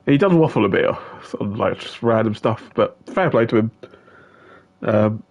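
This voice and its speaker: A man's voice: on the low side, animated, normal speed, darkish tone, dull audio. A man commentating a live online racing league stream, chatty and full of fillers as he greets viewers. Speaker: race commentator.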